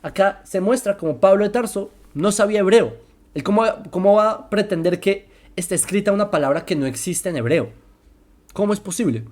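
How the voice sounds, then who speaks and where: A presenter explaining religious texts in a commentary lesson, slowing down to spell out terms and often asking whether listeners follow. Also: medium pitch, expressive, darkish tone. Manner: keeps checking listeners follow, asking "right?"; slows down to spell out terms and examples.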